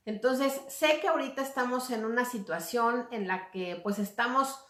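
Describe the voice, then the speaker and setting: A woman's voice: fairly high pitch, moderate pace. Woman coaching in a roomy echo. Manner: conversational, checks in with tag questions. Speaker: communication coach. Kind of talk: casual lecture to viewers.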